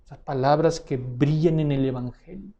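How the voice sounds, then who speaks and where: A man's voice: on the high side, moderate pace, dark tone, lo-fi sound. A man preaching a sermon as pastor, earnest and often repeating words as he searches for his phrasing.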